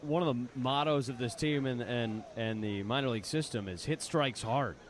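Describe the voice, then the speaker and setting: Speaking at an ordinary pace in a mid-range voice, this color commentator talks through the baseball game live and conversationally, frequently repeating words while he reasons. Faint outdoor ballpark noise can be heard in the background.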